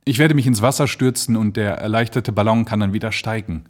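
A man's voice: fairly low pitch, a little fast, natural voice. A man voicing an earnest male doctor speaking in solemn pleas.

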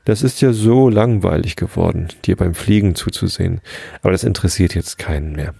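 A man voicing a sly, mocking male fox in a bedtime story, taunting in a drawn-out way. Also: low voice, vocal fry, dark tone, husky, no echo, heavily acted.

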